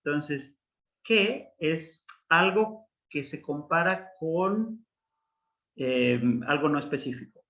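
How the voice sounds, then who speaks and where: Male Hebrew teacher with a slightly high voice, patient and slow, explaining grammar. Dull lo-fi class recording. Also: animated, pushed and bright. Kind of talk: online language class.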